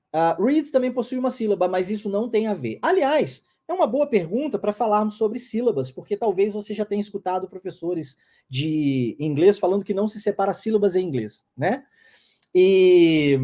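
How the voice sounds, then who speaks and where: An English teacher with a warm, medium-pitched voice walks through an online pronunciation lesson step by step, modeling phrases for listeners to repeat.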